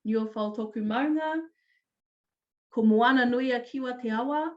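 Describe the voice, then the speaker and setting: A woman presenting an online teaching talk, explaining in an upbeat way with quick restarts. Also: a little high, dull audio.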